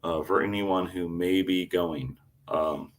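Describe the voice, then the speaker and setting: A man chatting on a casual livestream, telling a rowdy story, cursing constantly, with loud animated outbursts when quoting himself. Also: deep voice, slow pace. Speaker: live streamer. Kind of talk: casual rambling livestream chat.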